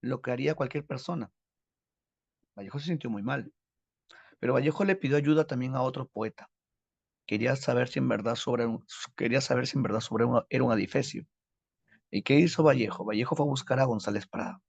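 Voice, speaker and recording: A male literature teacher lectures like a storyteller, acting out scenes and firing rhetorical questions. His voice is gravelly and husky with a slightly high pitch. The recording is dry and dull, lo-fi. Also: a little fast, no room sound.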